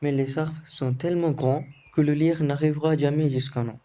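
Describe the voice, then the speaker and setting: Teen boy narrator, scripted voice-over, steady monotone delivery, mellow and very dark. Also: fairly high pitch, moderate pace. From Sri Lanka. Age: teens. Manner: calm, careful reading, short phrases. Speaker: student narrator of a school film.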